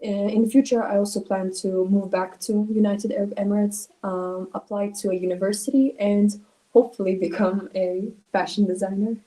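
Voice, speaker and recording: A woman's voice: medium pitch, flat delivery, warm tone, low-quality recording. Woman presenting on a video call. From Russia. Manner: earnest, with frequent "uh" pauses. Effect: on a video call, sharing her screen. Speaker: student presenting a school project. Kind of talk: online project presentation.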